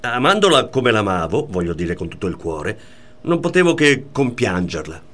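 A man's voice: lowish voice, very animated, fairly bright tone. A man reading a tormented husband between two women. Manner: clipped, halting, wildly swinging delivery. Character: tormented man caught between wife and mistress. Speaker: reader in a radio play reading. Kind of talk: radio play reading.

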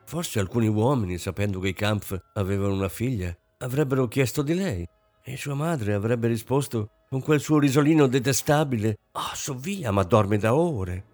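Male audiobook narrator, dramatic and expressive, soft music bed. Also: mid-range voice, normal speed. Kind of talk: audiobook reading of a novel.

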